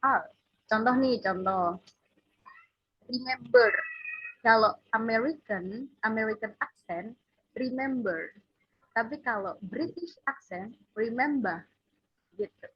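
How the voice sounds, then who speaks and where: A woman's voice: a little high, unhurried, breathy edge, muffled recording. A woman teaching a casual one-on-one English lesson, patiently drilling letters for her student to repeat.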